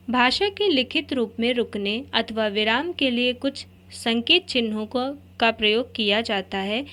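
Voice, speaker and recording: A woman teacher explains grammar at a slow, measured pace. Her voice sits a little high, and she repeats each example with care. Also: bright, forceful tone. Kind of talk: grammar lesson.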